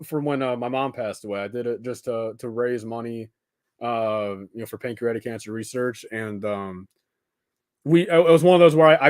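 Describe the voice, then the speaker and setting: Speaking off the cuff to his stream audience while building, a young man rambles along and calls them things like "man" and "dude." He has a medium-pitched voice, and the recording is dry with very little room to it.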